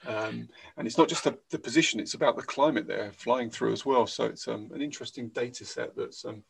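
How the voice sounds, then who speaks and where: A man's voice: mid-range voice, a little fast, vocal fry, slight background noise. A man, co-hosting a casual news podcast, hesitant with many fillers. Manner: hesitant, many ums and uhs, trailing off softly. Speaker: podcast co-host.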